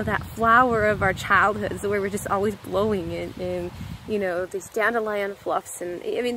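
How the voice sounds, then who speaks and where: Her mid-range voice is a bit bright as this thirtysomething American spiritual vlogger talks casually to camera. She rambles off on tangents and corrects herself along the way. The recording is low quality, with a little hiss or hum.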